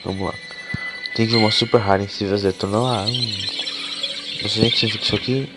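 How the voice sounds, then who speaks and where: Talking fast in a low, hoarse voice because of a cold, a man opens card packs for a gaming video. His commentary is casual and full of swearing, and he gets excitable at each reveal while game music plays in the background.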